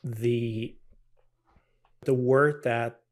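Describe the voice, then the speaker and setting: A middle-aged man from Albania, a podcast guest, speaking in a measured, hesitant way with many "um"s. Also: medium pitch, steady tone. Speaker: guest, company CEO. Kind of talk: conversational podcast interview.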